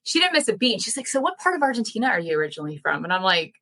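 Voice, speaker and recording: Racing along with lots of animation, this young American woman has a mid-range, sharp-toned voice. As a podcast guest who teaches languages and runs a dairy farm, she talks chattily and enthusiastically about both, sprinkling in many fillers during the casual interview.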